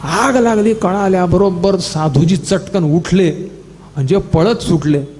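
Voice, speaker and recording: A man with a Marathi accent giving a devotional discourse, telling a parable and acting out the characters' lines in animated quoted dialogue. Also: high voice, a little slow, long reverb tail, slight background noise. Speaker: scripture discourse speaker.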